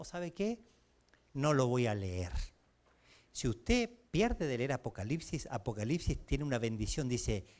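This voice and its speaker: Animated high-voiced Chilean pastor preaching. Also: male voice. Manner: conversational preaching with everyday examples and questions to the congregation. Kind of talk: sermon. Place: church service.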